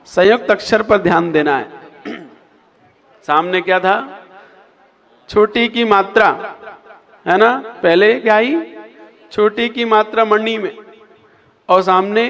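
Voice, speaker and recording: Male Jain monk, measured and slow, drills listeners on verse recitation, reverberant hall. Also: high voice, a bit bright. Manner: quizzes listeners and repeats answers; slow drawn-out chanting of verse lines. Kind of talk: recitation lesson with chanted verses.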